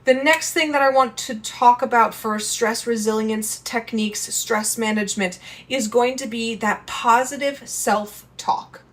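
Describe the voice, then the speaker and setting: A woman's voice: on the high side, measured pace, fairly bright tone. A woman hosting a lifestyle channel, talking earnestly and conversationally about handling stress and speaking straight to her viewers. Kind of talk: casual advice talk to camera.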